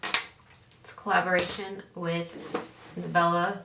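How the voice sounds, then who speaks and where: In a casual makeup tutorial, a woman with a lowish voice talks slowly and flatly, often losing her train of thought before coming back around. The background is noisy, with roomy echo from a distant mic.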